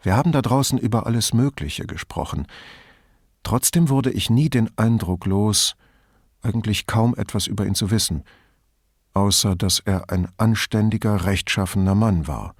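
A reflective middle-aged police commissioner, as a male reader plays him in an audiobook. He speaks in a measured, thoughtful way, in a slightly low voice. The recording is dry and close. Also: no room sound. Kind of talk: audiobook character reading.

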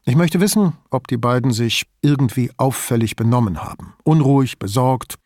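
Man reading an older male commissioner, calm, wry, dry close sound, audiobook. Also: medium pitch, moderate pace, dry recording, close to an everyday voice. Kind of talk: audiobook character voice.

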